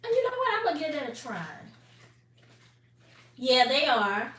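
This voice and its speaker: Her voice sits high and has a sing-song, fairly bright quality at normal speed as this woman in her forties chats casually with viewers on her live stream, speaking straight to them and laughing often. The mic is at a distance in an echoey room, with faint noise.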